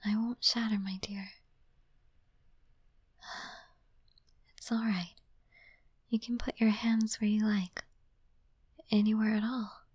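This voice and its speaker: A woman whispering as a gentle young princess. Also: mid-range voice, level tone, slightly rough, no echo. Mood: soothing whisper. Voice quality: soft unvoiced whisper. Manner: slow, soothing, reassuring. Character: gentle young princess, future queen, calm and caring. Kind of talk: whispered ASMR roleplay.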